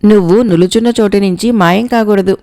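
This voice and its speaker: A woman's voice: medium pitch, fairly quick, warm tone, natural voice. A woman voicing a timid, teasing young man. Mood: nervous teasing. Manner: nervous, teasing talk. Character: timid, joking young male companion.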